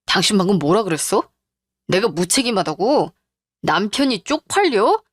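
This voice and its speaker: A woman's voice: mid-range voice, big pitch swings, moderate pace, dry recording. Woman doing a grumpy defensive husband, short snappy retorts, dry mic. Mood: sulky. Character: jobless, defensive husband in his thirties.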